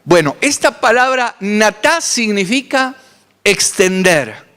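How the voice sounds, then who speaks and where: A man preaches in a high, animated voice that rises and falls widely. His sermon rings with a long reverb from a church hall. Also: takes it slowly. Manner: animated preaching with dramatic pitch swings. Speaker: pastor.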